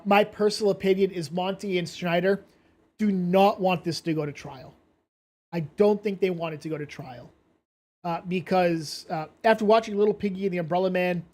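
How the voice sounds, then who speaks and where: A man's voice: sits high, darkish tone. A man hosting a casual commentary stream, rambling and blunt, swearing freely and sounding drowsy from medication. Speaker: commentary channel host.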